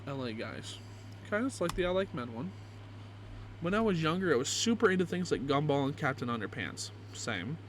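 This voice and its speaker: A man's voice: mid-range voice, big pitch swings, fairly quick, slight background noise. A young man reading aloud casually and gleefully, with crude, amused reactions, as a YouTube creator would. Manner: crude, joking, swearing.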